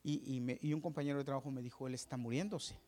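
A male pastor preaching a sermon, telling a story. He drops to hushed whispers and then rises to fervent, raised preaching. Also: mid-range voice, fairly even intonation, fast talker.

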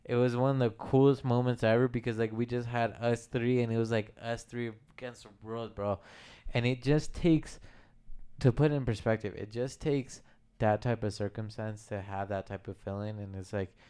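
Young man, clear smooth voice, rambling, swears a lot, sentimental, casual chat. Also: mid-range voice, fairly even intonation, normal speed, mellow. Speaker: storyteller among friends. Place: home basement.

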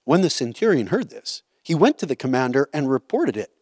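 A man's voice: medium pitch, sing-song, fairly quick, a little mellow, slightly rough, no echo, clean studio sound. A man teaching a Bible study, explaining a passage in a conversational way and often checking in with "right?".

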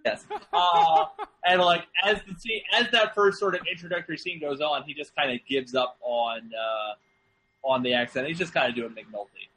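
A man's voice: on the high side, expressive, normal speed, sharp tone, a little hiss or hum, rough recording. A man co-hosting a casual film podcast, rambling and joking with lots of fillers and restarts. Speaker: podcast co-host.

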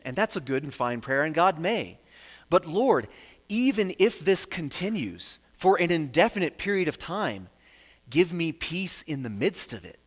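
Earnest male preacher in a reverberant hall. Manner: earnest, builds emphasis then drops to a soft low close. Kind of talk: sermon.

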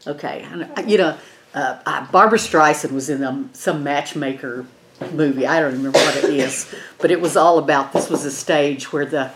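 Low-pitched woman with a West Texas twang. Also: normal speed, very noisy. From eastern New Mexico and West Texas, USA. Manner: folksy, checks in with "okay". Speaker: Bible study teacher. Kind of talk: informal Bible lesson to a small group.

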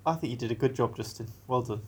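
A man's voice: medium pitch, fast talker, breathy edge. A man co-hosting a casual podcast, playful and giggly, often second-guessing himself. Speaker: podcast co-host. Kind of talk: casual chat.

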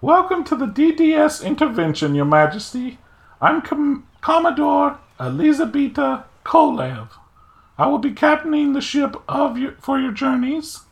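A man's voice: very high-pitched, very animated, normal speed, gravelly, voice pushed up, exaggerated voice. A man voicing a tiny, formal fairy woman who commands a ship in a tabletop game. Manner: formal, courteous. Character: tiny prim fairy woman naval commodore.

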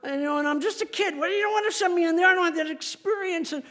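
A man's voice: very high-pitched, fast talker, sharp tone, long reverb tail, pitched above the performer's own voice. A preacher doing a timid young man. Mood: nervous. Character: timid, nervous young man making excuses.

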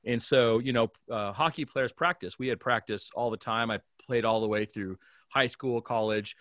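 A pastor from Alaska, United States, is interviewed, speaking at normal speed in a medium-pitched, slightly bright American voice. He explains earnestly and conversationally, often checking that the listener follows. The sound is dry, with no echo and little room.

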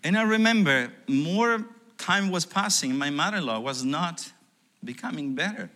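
Bright-voiced pastor preaching with passion. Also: male voice, a little high, expressive, normal speed. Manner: earnest, emotional personal testimony with rising and falling intensity. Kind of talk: sermon.

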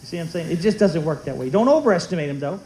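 High-voiced man preaching with animated humor. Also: rapid-fire, a little hiss or hum, poor audio. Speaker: pastor. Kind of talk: sermon. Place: church sanctuary.

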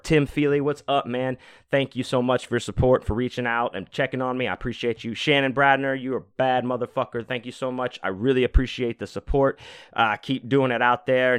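A man's voice: mid-range voice, a bit bright, clear, resonant tone, no echo, clean studio sound. A man hosting his own podcast, talking loosely and rambling, with lots of fillers and swearing. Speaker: podcast host. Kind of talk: casual solo podcast monologue. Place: home room.

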